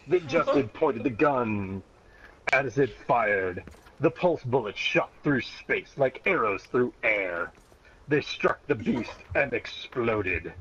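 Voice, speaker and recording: In a fairly bright, mid-range voice, a man performs a childhood story with exaggerated seriousness and drama, often close to cracking up. The sound quality is dull and lo-fi, and there's clear noise in the background.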